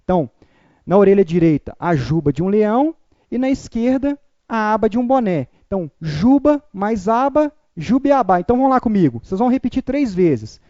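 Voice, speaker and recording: A man's voice: high-pitched, sing-song, brisk, mellow, no echo, highs cut off. A man teaching a memorization lesson, upbeat and chatty, leading the listeners through call-and-repeat drills.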